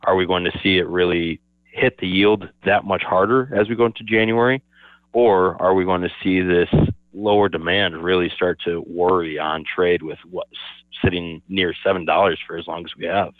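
A man speaking over the phone as a market analyst guest, giving steady, explanatory commentary and opening his answers with "yeah, so". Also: deep voice, normal speed, no room sound. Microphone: telephone. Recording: tinny phone line, dry.

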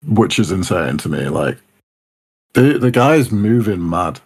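A man's voice: deep voice, big pitch swings, unhurried, a little mellow, slightly rough. A young man, bantering casually about music in a laid-back, slangy way.

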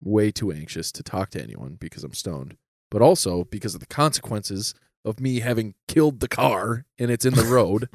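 Animated man telling a story. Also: fairly low pitch, normal speed, no echo, clean studio sound. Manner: animated, lots of "like", laughs often. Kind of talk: casual storytelling chat.

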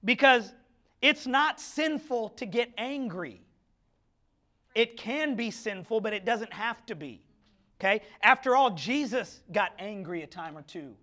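A male pastor preaching an impassioned sermon to his congregation, full of rhetorical questions and quick stammered restarts. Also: high-pitched, expressive, bright, forceful tone. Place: church sanctuary.

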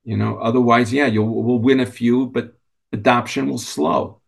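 A man answering as a company executive in an unscripted interview, conversational and halting, often repeating words. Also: mid-range voice, steady tone, creaky, breathy edge.

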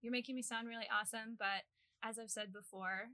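A woman's voice: on the high side, fairly even intonation, a little fast, pushed and bright, dry recording. A woman, a podcast guest, self-deprecating and laughing easily. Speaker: guest, events coordinator. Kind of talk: casual podcast chat.

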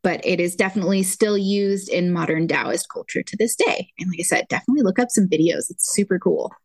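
A woman co-hosting a casual podcast chat, explaining things in a measured, conversational way. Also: fairly low pitch, slightly rough, dry recording. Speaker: podcast co-host.

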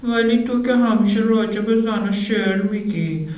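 A man voicing a soft-spoken, hesitant young woman who asks wary questions, in a roomy recording. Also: sits high, voice pushed up, lightly acted.

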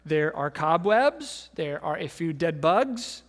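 A man in his thirties, a pastor giving a sermon, telling a story and acting out the voices in it, then dropping to hushed tones. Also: on the high side, sing-song, slow. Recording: long hall reverb.

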